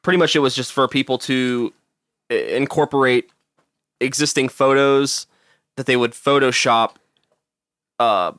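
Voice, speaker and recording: Rambling, laughing young podcast host. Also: male voice, mid-range voice, measured pace, long pauses, fairly bright tone, dry recording, studio quality. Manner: laughs often, rambling with many fillers. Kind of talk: casual podcast chat.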